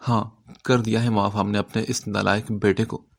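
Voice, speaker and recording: A gruff old father scolds his son with a rough, gravelly edge, as a man reads him. Stern on top, fond underneath, from a storybook reading. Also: on the low side, flat delivery. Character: stern elderly father, gruff but loving.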